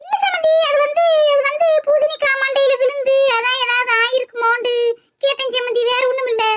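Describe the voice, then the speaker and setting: A bossy older woman, as a woman puts her on, shouts her claims in a piercing, very high voice. She rattles along fast and insists on everything twice over. It is a comic family skit. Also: little pitch movement, very noisy. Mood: flustered. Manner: shrill, insistent, repeats herself. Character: loud bossy older woman, pushy and stubborn.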